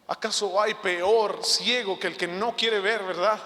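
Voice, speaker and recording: A man's voice: sits high, fairly even intonation, measured pace, bright, forceful tone, a little hiss or hum. A man preaching an online sermon, personal and impassioned, pressing his listeners with repeated questions. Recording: long reverb of a hall.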